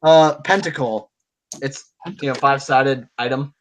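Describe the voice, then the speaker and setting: A man acting as game master, casually narrating a tabletop game and improvising haltingly. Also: mid-range voice, fairly even intonation, fairly bright tone, slight background noise, low-quality recording.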